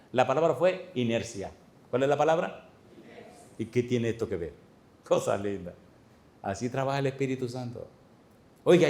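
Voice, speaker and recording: Animated pastor preaching. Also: male voice, medium pitch. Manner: lively storyteller, swings between loud exclamations and hushed tender asides. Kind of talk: storytelling sermon. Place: church before a congregation.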